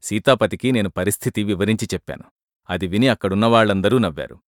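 A man reading a short story aloud as narrator, in a steady, measured storytelling manner. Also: fairly low pitch, no echo, clean studio sound.

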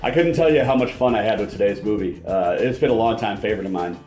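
A man's voice: lowish voice, fast talker, soft background music. A man co-hosting a podcast, chatting casually about a movie and acting out quotes as he retells scenes. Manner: animated retelling, acts out quotes. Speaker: podcast co-host. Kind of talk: casual movie review chat. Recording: roomy echo.

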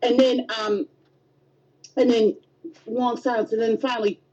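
30s woman rambling thru a podcast story, kinda high, husky, muffled audio. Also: level tone, unhurried, mellow. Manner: chatty storyteller, acts out quotes with squeals. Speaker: podcast co-host. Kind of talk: casual chat.

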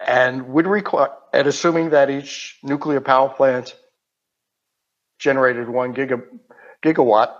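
A man's voice: medium pitch, steady tone. Older man with a thick-voweled Queens accent. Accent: Queens, New York. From Queens, New York. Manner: halting, digressive explaining. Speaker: interview guest. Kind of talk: informal technical explanation. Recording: dull, band-limited audio.

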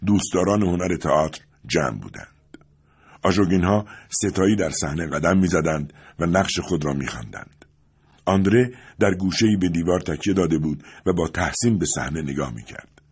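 Deep husky male storyteller. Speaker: narrator. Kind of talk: audiobook reading of a novel.

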